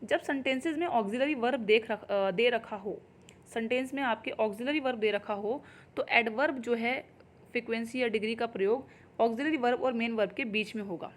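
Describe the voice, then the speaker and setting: Hindi-speaking woman teaching grammar. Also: a little high. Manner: explains in Hindi, reads English examples slowly. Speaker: English teacher. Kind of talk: exam-prep grammar lesson.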